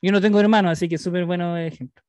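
A man's voice: high voice, fairly even intonation, racing, darkish tone, dry recording. A Chilean man co-hosting a podcast, ranting crudely in casual banter and swearing often. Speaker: podcast co-host.

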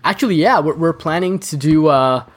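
A man chatting as a podcast guest, talking fast with many restarts and repeated words. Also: a little high. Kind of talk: casual interview chat.

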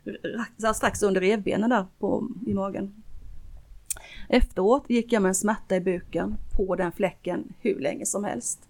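A woman's voice: mid-range voice, steady tone, vocal fry, darkish tone. Earnest middle-aged woman telling her story. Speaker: guest. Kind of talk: casual interview talk.

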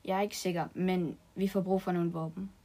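A woman reading a story aloud and voicing Lise, a calm girl who reassures the others and takes charge. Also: on the low side, lightly acted. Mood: steadying.

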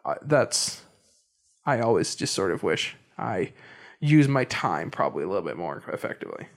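A man's voice: sits low, big pitch swings, normal speed. A young man hosting a casual podcast chat, often hesitant and restarting his sentences. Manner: hesitant, many restarts and stammers. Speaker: podcast host.

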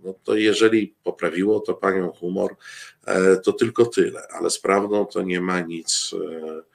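A man giving political commentary to his audience, halting often with filler sounds and restarts, with an ironic edge. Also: low voice, steady tone, creaky. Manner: ironic, addresses the audience directly.

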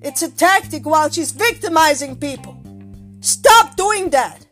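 A woman from Switzerland delivering an angry, swearing monologue to her listeners, dropping to low mutters and then bursting out loudly. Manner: angry ranting, heavy swearing, swings from low mutters to loud outbursts.

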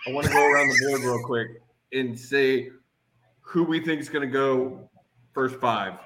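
A man's voice: mid-range voice, a little slow, fairly bright tone, low-quality recording. A man hosting a sports podcast, leading the talk in a loose, swearing, casual chat. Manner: loose, swearing, leads the segment. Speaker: podcast host.

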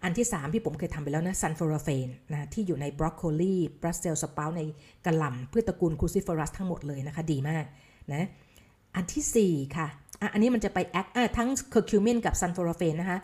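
A woman's voice: lowish voice, measured pace, dark tone. A woman giving a casual spoken lecture on health science. She explains in a chatty way, drops English science terms into her talk and checks in with her listeners. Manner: asks listeners rhetorical checks. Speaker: health educator.

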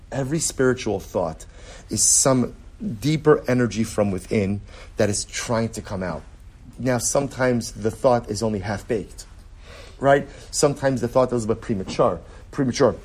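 A man's voice: medium pitch, husky. A man teaching an informal class to a small group, asking rhetorical questions and repeating his points. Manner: repetitive, rhetorical questions, animated.

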